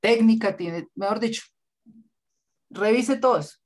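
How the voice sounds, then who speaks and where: A man's voice: high-pitched, a little slow. Man, design teacher, lecturing and correcting bluntly, no-nonsense. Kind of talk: online class feedback.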